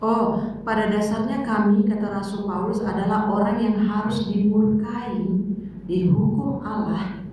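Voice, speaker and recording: A woman's voice: mid-range voice, fairly even intonation, measured pace, darkish tone. A woman teaching a youth bible lesson in church, chatting with the class and calling on students to read. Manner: conversational, calls on students to read. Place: church room. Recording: echoey room, mic far off, faint noise.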